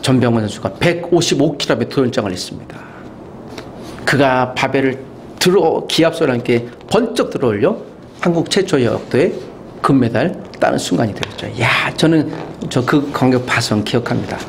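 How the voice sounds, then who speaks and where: A man's voice: mid-range voice, animated, normal speed, creaky, a little hiss or hum. A man preaching a sermon as a pastor in a university chapel, delivering it with rhetorical questions and sudden leaps in emphasis.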